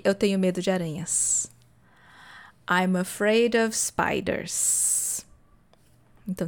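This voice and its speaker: A Brazilian woman with a Brazilian Portuguese accent, a native Portuguese speaker, teaching English in a podcast lesson, explaining slowly and demonstrating pronunciation. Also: medium pitch.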